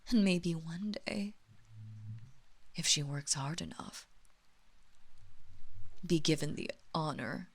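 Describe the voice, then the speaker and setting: Using a full character voice that sits low, a woman plays a seductive vampire mistress in an intimate roleplay audio drama, hypnotic and coaxing. Her soft, deliberate speech comes in breathy half-whispers, commanding and teasingly condescending.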